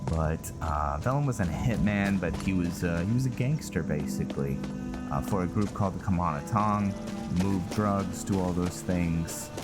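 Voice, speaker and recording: Loud game music and sound effects play under a low-voiced man talking at normal speed. He's a gaming host narrating a roleplay playthrough, his casual commentary rambling and broken into hesitant, half-formed thoughts.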